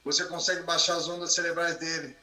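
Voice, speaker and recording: A man giving an animated talk on a live stream, raising and lowering his voice for effect. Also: quick pace, echoey room, low-quality recording. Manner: expressive, plays with rising and falling voice. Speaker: guest speaker.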